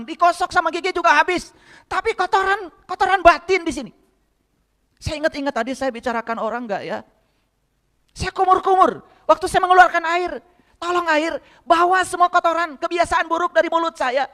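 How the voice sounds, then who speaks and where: A man's voice: extremely high pitch, normal speed, pushed and bright. A man with a light tinge giving a sermon, pressing the congregation with rhetorical questions. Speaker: spiritual teacher. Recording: long hall reverb.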